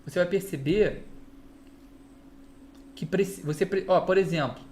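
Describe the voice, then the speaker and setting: A man with a Brazilian Portuguese accent giving a direct-to-camera guitar lesson, often checking in with the listener through quick rhetorical questions. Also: high-pitched, a little mellow, a little hiss or hum. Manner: explains with repeated "entende?" and quick rhetorical asides. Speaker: guitar teacher.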